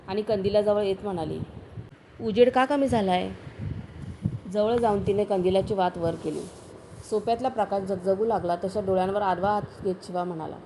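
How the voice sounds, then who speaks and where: A woman reading a story aloud as narrator, steady and measured. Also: medium pitch, background noise. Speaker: story reader.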